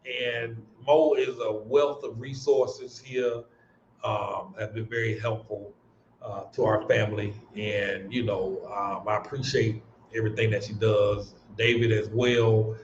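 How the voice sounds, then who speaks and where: A man's voice: on the low side, little pitch movement, a little slow, slight background noise. Man, American accent, casual livestream host, earnest, rambling, many restarts, roomy dull audio. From United States.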